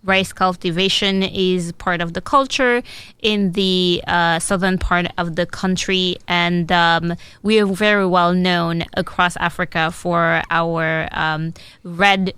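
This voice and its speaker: A woman from Senegal, a food and product developer, answering interview questions with many pauses and fillers. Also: fairly low pitch, steady tone, a bit bright, clean tone, no room sound. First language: French.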